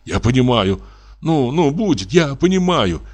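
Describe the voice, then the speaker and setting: A remorseful husband, soothing and tender, his voice low and soft, as a male reader plays him. He talks gently and earnestly, pleading to be believed. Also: normal speed, lightly acted.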